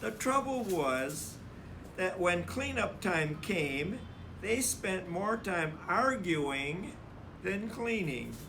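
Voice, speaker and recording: Slow-paced man reading a children's story. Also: high voice, expressive, vocal fry, noisy background. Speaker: storybook reader. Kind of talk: read-aloud children's story narration.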